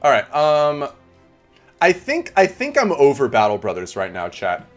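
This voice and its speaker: A man's voice: medium pitch, wildly swooping pitch, measured pace, faint music behind. A man streaming a game, chatting casually with viewers, laid-back, swearing and laughing often. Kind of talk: casual live-stream chat.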